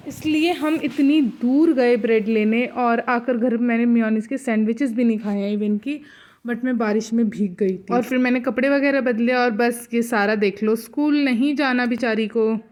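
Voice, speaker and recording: A young woman narrates a casual home vlog in a chatty, friendly flow, slipping English words into her talk. Her voice sits a touch high. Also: moderate pace, darkish tone. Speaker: vlogger.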